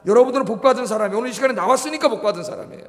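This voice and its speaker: In a church sanctuary with long hall reverb, a middle-aged male pastor delivers a Friday prayer service sermon in a very high voice at a racing pace. He exhorts the congregation with rhetorical questions and prompts them to answer.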